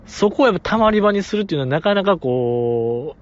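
In dry, dull lo-fi podcast audio, a male podcast host with a high-pitched, fairly quick voice chats casually. He is animated, joking and playful, slipping into put-on voices for quoted asides.

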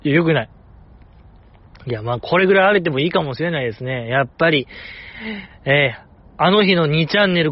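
A man's voice: a little high, lo-fi sound. A man with a Kansai accent hosting a podcast, chatting casually and joking as he reads listener mail. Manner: joking, self-deprecating banter with quick laughs. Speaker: podcast host.

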